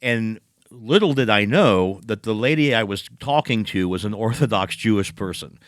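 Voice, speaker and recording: A man co-hosting a casual podcast, telling stories in an animated way and laughing often. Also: on the low side, moderate pace, no echo, studio quality. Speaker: podcast co-host. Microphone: studio podcast mic.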